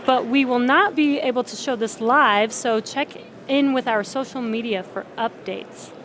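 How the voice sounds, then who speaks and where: A woman's voice: on the high side, unhurried, noisy background. A woman giving live, explanatory commentary as host of a launch webcast.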